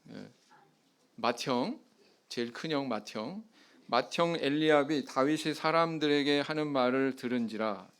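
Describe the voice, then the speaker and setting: A man's voice: medium pitch, a little slow, a bit bright, clear, resonant tone. A male pastor delivering an expository sermon in a church, often putting questions to the congregation and answering them himself, with frequent affirming "yes" fillers. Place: church sanctuary.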